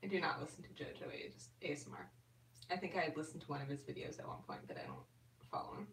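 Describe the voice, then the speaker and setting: A woman's voice: deep voice, fast, a little hiss or hum. A woman chatting casually on a live stream as an ASMR host, reading and answering viewer comments with fillers. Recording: roomy and distant from the mic.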